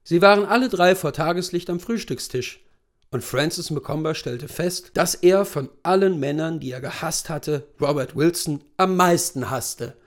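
A man narrating a literary short story as an audiobook reader, expressive and animated. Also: on the high side, moderate pace.

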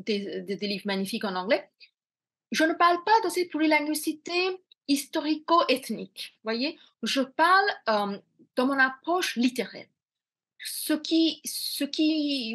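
A middle-aged Indian author whose first language is Bengali answers interview questions over a video call from a small room at home. She is reflective, with many fillers and restarts, and her voice is a little high, fairly bright and slightly rough.

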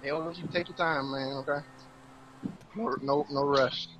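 Man gamer on a stream headset, bright-edged and teasing, faint game noise behind. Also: fairly high pitch, fairly even intonation, unhurried, rough recording. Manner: teasing, laid-back ribbing. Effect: livestream headset mic audio. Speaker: gamer in party chat. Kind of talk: casual gaming banter.

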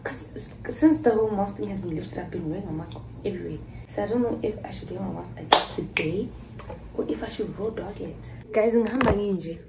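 In a small dorm room, a young adult South African student vlogger chats casually to the camera, her phone held at arm's length. She speaks briskly at medium pitch, rambling and occasionally whispering, against a noisy background.

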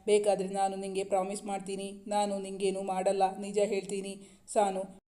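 A gentle young husband in an audio story coaxes softly and pleads, as a male narrator voices him. The voice sits high and flat, with little melody. Its tone is mellow and dark. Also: moderate pace, close to an everyday voice. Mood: pleading.

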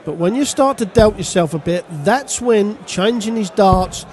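A man's voice: sits high, expressive, unhurried, a little mellow. A man co-commentating on a darts match, giving chatty, opinionated analysis of the players. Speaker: darts pundit. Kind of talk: live sports commentary.

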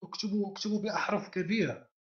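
High-voiced male teacher in echoey classroom. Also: fairly even intonation, very fast. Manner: repeats and drills sounds patiently, quizzes the class. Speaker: language teacher. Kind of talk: classroom lesson. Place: classroom with students. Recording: echoey room, dull lo-fi sound.

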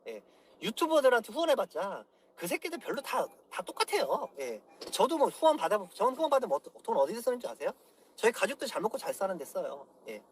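With slight background noise behind him, a high-voiced political YouTuber in his thirties rants on his livestream, cursing angrily, lecturing viewers, and asking "예?" over and over.

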